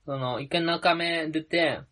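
A man's voice: on the high side, steady tone, slow, bright, forceful tone. A young man co-hosting a podcast, telling a long rambling story in casual chat and laughing often. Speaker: podcast co-host.

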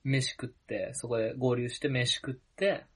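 A man's voice: medium pitch, fairly even intonation, a little slow, husky. A young man co-hosting a podcast, telling a long rambling story in casual chat and laughing often. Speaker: podcast co-host.

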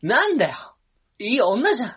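A man's voice: very high-pitched, wildly swooping pitch, normal speed, sharp tone, breathy edge. A man in his twenties co-hosting a podcast, arguing his point in insistent, playfully stubborn banter. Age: 20s. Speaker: podcast co-host. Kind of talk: casual comedic banter.

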